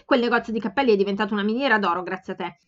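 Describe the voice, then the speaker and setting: A blunt, outspoken young woman presses her point with forceful insistence, as a woman reader puts her on. Her voice sits at an ordinary mid pitch. The home recording sounds slightly dull. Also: rapid-fire, lightly acted. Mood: insistent.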